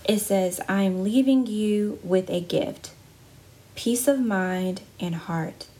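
A woman's voice: mid-range voice, slow pace, dark tone. A woman hosting a casual devotional podcast, talking earnestly with many fillers and restarts. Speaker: podcast host.

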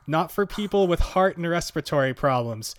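A man's voice: a little high, lively intonation, brisk. A man hosting a podcast in casual chat, rambling with fillers and nervous laughs. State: gasping from hot sauce heat. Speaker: podcast host.

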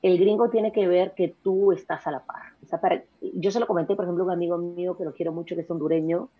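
A young woman talks quickly and energetically, restarting and repeating herself as ideas pile up. Her voice is husky and comes through thin and tinny, as over a phone line. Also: lowish voice. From Peru. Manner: fast, energetic talker with many restarts and repeated words. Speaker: interview guest. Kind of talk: casual conversational interview.

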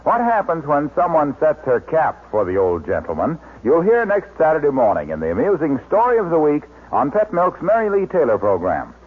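A man's voice: a little high, huge pitch swings, normal speed, hardly any pauses, husky. An American man announcing in a chipper 1950s radio ad style, with a polished, emphatic sales delivery. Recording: vintage radio broadcast, narrow phone-like band.

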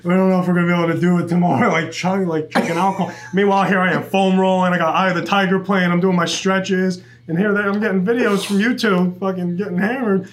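This podcast guest, a police officer in his late twenties, talks fast in a high-pitched voice with hardly any pauses. He chats casually and animatedly while telling stories, acting out quotes as he goes.

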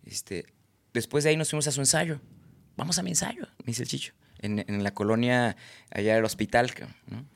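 A singer-songwriter from Tabasco, Mexico, speaking with a Mexican accent, tells rambling, slangy anecdotes in a casual storytelling interview, acting out his friends' lines. His voice is medium-pitched and fairly quick, with no echo.

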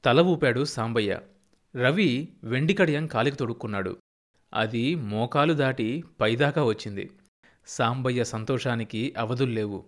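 A male narrator reading a novel aloud for an audiobook. His delivery is steady and expressive, with a middle pitch for a man. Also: normal speed.

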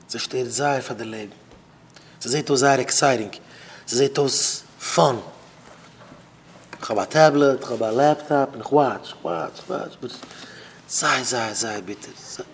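A man preaching to a room of students in an unpolished, conversational sermon. His pitch sits in an ordinary middle range as he hammers lines home by saying them twice. He jumps from loud bursts to quiet asides, with a faint hiss of noise behind him. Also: measured pace, pauses often. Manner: emphatic, repeats phrases for effect. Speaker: rabbi giving a talk.

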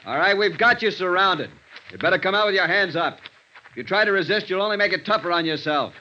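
A blunt police sergeant talks in a clipped, businesslike way. His low voice sounds bright and forceful and moves around a lot. The sound is muffled like an old radio broadcast with a faint hiss. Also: brisk. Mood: commanding. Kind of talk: 1950s radio drama acting.

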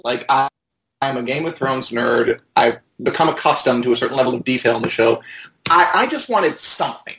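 A man on a podcast panel giving casual opinions in a halting, emphatic way, repeating his words. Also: medium pitch, animated, a bit bright. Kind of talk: casual opinionated fan discussion. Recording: echoey room.

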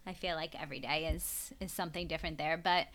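A young adult woman co-hosting a casual podcast as a nutrition coach, chatty and quick to laugh. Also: sits low, fairly bright tone. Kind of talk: casual chat.

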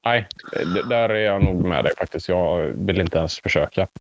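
A man's voice: sits low, no echo. A man with a mixed Swedish dialect, largely Gothenburg, chatting casually as a podcast co-host. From Gothenburg, Sweden. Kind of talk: casual chat.

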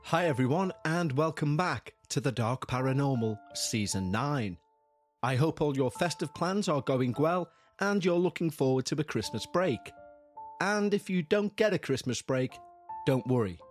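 A man's voice: a little high, animated, normal speed. Ominous male podcast host over music. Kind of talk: scripted paranormal podcast narration.

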